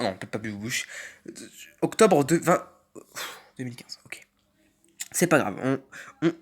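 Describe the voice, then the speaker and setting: A gaming YouTuber with a somewhat high, slightly bright voice gives casual, sarcastic commentary on a chat story game. He reads its messages aloud and makes fun of the spelling mistakes.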